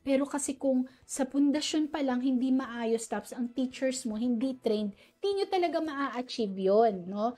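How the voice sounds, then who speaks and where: A woman's voice: high-pitched, moderate pace, warm tone. Woman teacher explaining phonics. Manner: demonstrates phoneme sounds, frequent "no?" tag questions; polite, uses "po" often. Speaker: reading teacher. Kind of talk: explanatory talk on teaching reading.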